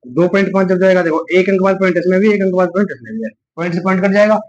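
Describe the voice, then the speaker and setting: A man's voice: high-pitched, racing, darkish tone, a little hiss or hum. A man teaching a maths lesson step by step, patient and reassuring, talking through each calculation aloud. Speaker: maths tutor. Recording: dull lo-fi sound.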